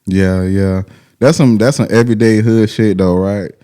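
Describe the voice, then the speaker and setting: Speaking at normal speed in a low, steady, mellow voice with a clean tone, this hip-hop show host interviews casually. He's a Southern-accented man from Glenville, Georgia, whose slangy street talk repeats phrases and is peppered with "man" and "bro."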